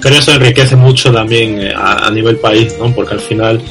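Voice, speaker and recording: A man's voice: on the low side, steady tone, brisk, over music. A man interviewing a guest in a casual chat, often ending remarks with a questioning tag. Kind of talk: casual conversation.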